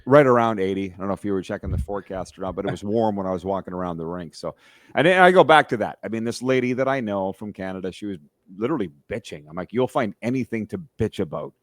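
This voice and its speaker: A man's voice: on the low side, animated, quick pace, no echo, clean studio sound. A man who hosts another hockey podcast, a guest here, giving opinions in long, run-on casual chat.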